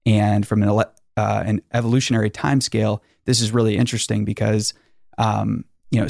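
A male podcast host with a slightly low, gravelly voice, recorded close and dry in a garage. He rambles casually and jokes drily. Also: a little mellow, dry recording.

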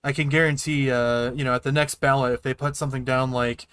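A man, co-hosting with sarcastic quick jokes. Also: mid-range voice, steady tone, fairly bright tone, clear, resonant tone, no room sound, clean studio sound. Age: 20s. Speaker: podcast co-host. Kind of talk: casual chat.

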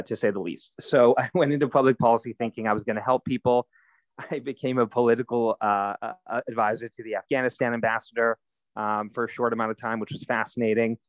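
A man in his thirties talks through his background at an unhurried, conversational pace. He fills pauses with easy fillers as he tells his story. His voice comes through a dry, somewhat dull recording. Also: mid-range voice, no room sound. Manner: relaxed storytelling, frequent fillers. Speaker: guest, nonprofit founder. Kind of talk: conversational interview answers.

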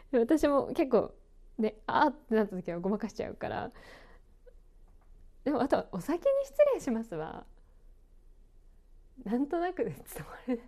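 A woman announcer talks in a loose, easygoing podcast chat, and her voice sits a little high but soft and mellow. She laughs easily and teases herself about her own slips. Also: very animated, slow, pauses often. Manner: chatty, self-deprecating, laughs often. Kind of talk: relaxed solo podcast chat.

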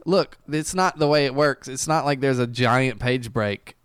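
A man's voice: medium pitch, unhurried, a bit bright, clear, resonant tone, no echo. A man co-hosting a casual podcast, joking and teasing while reading listener reviews aloud. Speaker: podcast co-host.

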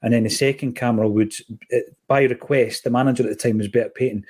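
Scottish man with a mellow husky voice. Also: medium pitch, quick pace. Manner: storytelling, animated when quoting others. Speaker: podcast co-host. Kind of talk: casual football chat.

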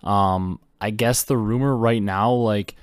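A young man hosting a podcast, talking fast and excitedly with lots of fillers while he reacts to breaking esports news. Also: fairly low pitch, clear, resonant tone, no echo, studio quality. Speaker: podcast host. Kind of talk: casual esports news commentary.

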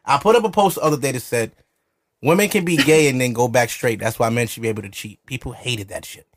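Talking at a quick pace in a medium-pitched voice, this man hosts a podcast from a studio. He's from Brooklyn, New York, and drinks alcohol as he records, keeping the chat loose and profane, brash and provocative, with frequent laughter.

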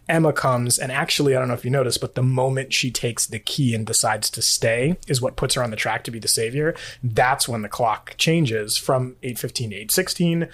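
Husky-voiced woman chatting casually. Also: a bass voice. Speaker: host of a TV rewatch podcast. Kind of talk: casual chat and commentary.

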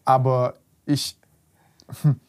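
Very low-voiced woman hosting. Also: flat delivery, darkish tone, smooth. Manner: supportive listener, short reactions, halting restarts. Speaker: podcast host. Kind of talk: casual podcast conversation.

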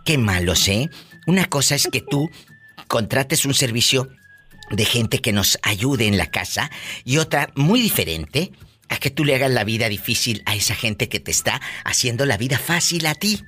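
Woman, Mexican accent, radio call-in host, loud, theatrical, teasing, bright voice, lively pitch. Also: moderate pace, husky, soft background music. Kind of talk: live radio call-in banter. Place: radio studio.

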